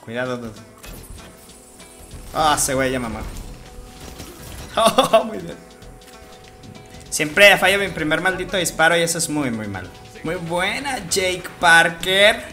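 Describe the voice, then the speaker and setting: A man with a Mexican Spanish accent calls his own gameplay live, joking, swearing and bursting out in excited yelps. His voice is bright and forceful, and its pitch swings widely. Faint game music plays behind him. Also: unhurried, pauses often. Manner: excitable, profane, jokey, with sudden outbursts. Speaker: gaming streamer.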